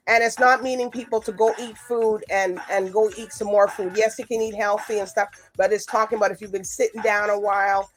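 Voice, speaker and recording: A woman's voice: medium pitch, low-quality recording. A woman hosting a casual chat show in a chatty, rambling, easily amused manner. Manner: chatty, rambling, laughs often. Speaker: show host.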